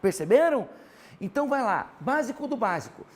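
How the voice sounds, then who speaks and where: Animated Brazilian male teacher lecturing. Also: extremely high pitch, normal speed, slight background noise. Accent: Brazilian Portuguese. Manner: animated, keeps prompting the class for answers. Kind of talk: classroom grammar lecture. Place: classroom with students.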